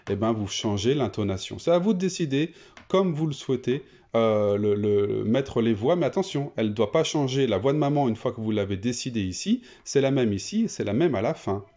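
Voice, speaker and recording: A man teaching a reading lesson to children, explaining step by step with many pauses and fillers. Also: medium pitch, expressive, mellow, dull audio.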